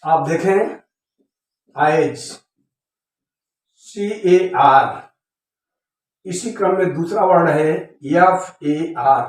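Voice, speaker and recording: A man teaching English pronunciation rules in a video lecture, repeating points and often checking that viewers follow. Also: sits high. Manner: repetitive, checks understanding often. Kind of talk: classroom-style video lecture. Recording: very echoey room.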